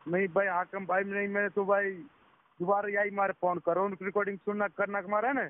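This phone caller, a driver who was scammed, talks in a high-pitched, brisk voice with little pitch movement. His account is agitated, casual and repetitive, captured in a tinny phone call recording.

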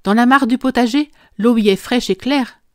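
Woman voicing a little girl, storybook, eager, insistent, higher voice, dry sound. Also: normal speed, a little mellow, dry recording, close to an everyday voice. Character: impulsive little girl, stubborn and sure of herself.

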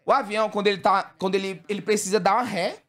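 A man's voice: high voice, very fast. A man from the Brazilian Northeast with a Northeastern accent, telling a comic story in casual, slangy talk and laughing as he goes. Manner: lively, slangy, laughs through his own story. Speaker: comedian guest telling a story.

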